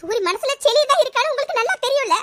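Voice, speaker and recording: A woman's voice: extremely high pitch, lively intonation, rapid-fire, fairly bright tone, no echo. A woman voicing a caring mother in a cartoon, who both scolds her husband and comforts her daughter. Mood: exasperated. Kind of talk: cartoon voice acting.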